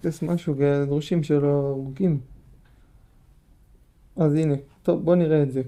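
Mellow-voiced man teaching a Torah lesson. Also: a little high, steady tone. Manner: repeats phrases and explains patiently to listeners. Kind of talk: Torah lesson, reading and explaining a text.

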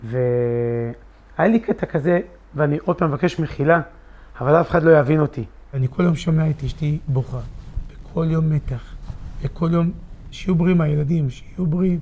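Middle-aged man, high pitch, emotional first-person storyteller, acts out his own lines. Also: a little mellow. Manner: impassioned, reenacts his own pleading in dialogue. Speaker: storyteller sharing a personal testimony.

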